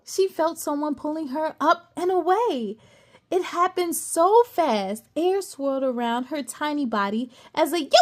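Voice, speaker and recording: In a high voice, a woman storyteller reads a children's picture book aloud. She is playful and animated, making chatty asides to her young listeners.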